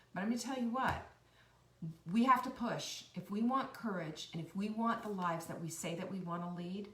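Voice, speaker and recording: A woman giving an earnest, encouraging motivational talk, repeating her key phrases with a preachy cadence and swinging from bright, high bursts down to soft near-whispers. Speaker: host of a cooking and life-tips channel. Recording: roomy echo, a bit far from the mic.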